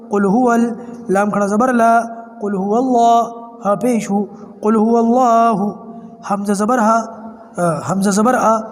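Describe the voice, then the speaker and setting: A man teaching Quran reading, patiently spelling words out syllable by syllable and reciting verses slowly in a chant. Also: high-pitched, long reverb tail. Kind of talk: online Quran reading class.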